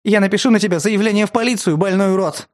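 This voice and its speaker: A man voicing a frightened but defiant young woman who speaks in sharp, demanding bursts. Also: sits high, fast talker, voice pushed up, close to an everyday voice.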